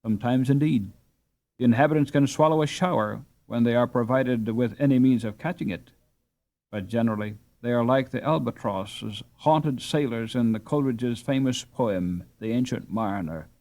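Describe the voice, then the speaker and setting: Reading a classic novel for an audiobook, this man narrates at a medium pitch in a measured and expressive storytelling style.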